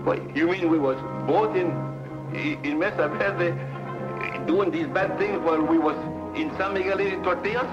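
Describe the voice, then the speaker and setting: An actor playing an excitable comic male sidekick who speaks broken English with jumbled grammar. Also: high voice, normal speed, close to an everyday voice. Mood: protesting. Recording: dull old TV soundtrack with music.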